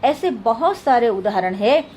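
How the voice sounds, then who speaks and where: A woman with a fairly high voice delivers a lesson in a steady, explanatory tone, slowing down to lay out each example carefully. A faint hiss sits under the recording. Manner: steady, explanatory, slows to spell out word examples. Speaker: teacher. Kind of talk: lecture read from notes.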